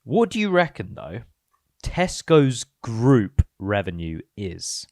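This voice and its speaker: A man's voice: fairly low pitch, very animated, slow pace, a little mellow, dry recording, clean studio sound. A young man with a British accent, co-hosting a casual podcast, quizzing his friend and reacting with emphatic slang. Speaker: podcast co-host. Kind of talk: casual chat.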